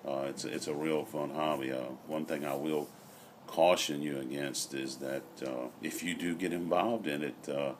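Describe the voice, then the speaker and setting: A middle-aged man chats casually and reflectively, rambling with frequent pauses, recorded outdoors on a patio. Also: rumbling low, steady tone. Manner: unhurried, rambling, pausing often. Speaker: vlogger. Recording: noisy outdoor ambient recording.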